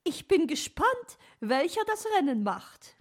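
A woman voicing a nosy, scheming female magpie in a storybook, shrill and teasing. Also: very animated, measured pace. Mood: smug.

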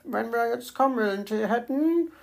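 A woman's voice: on the high side, expressive, moderate pace, creaky, background noise, pitched above the performer's own voice. A woman voicing a small, cheerful blue bird who talks in a chirpy, eager way.

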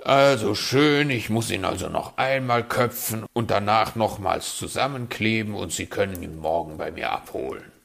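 A man voicing a sly, smooth-talking male fox in a read-aloud story, flattering and evasive, with a gravelly voice. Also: fairly low pitch, moderate pace, few pauses. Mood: dry.

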